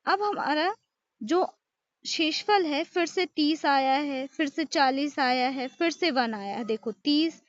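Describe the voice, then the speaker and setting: A high-pitched woman teaches maths. She poses each question and then answers it herself as she works through the division. The recording is dry and slightly dull, with no room sound. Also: slow, no echo. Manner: asks students questions and answers them herself, repeats "ठीक है" often. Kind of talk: classroom lesson with step-by-step long division.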